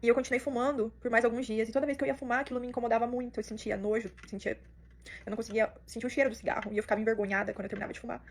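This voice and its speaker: Young woman, earnest testimony, very quick delivery. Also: on the high side, fairly even intonation, slight background noise. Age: young adult. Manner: emotional, earnest, fast-flowing storytelling. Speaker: testimony speaker. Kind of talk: personal testimony.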